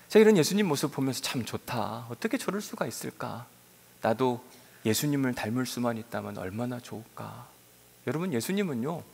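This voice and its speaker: A male pastor delivers a sermon with a voice that sits somewhat high and swings widely in pitch. He tells the story with lively energy and slips into the voices of the people in it. His words ring out with the long reverb of a large church hall. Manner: animated, lively storytelling that acts out biblical dialogue. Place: church sanctuary.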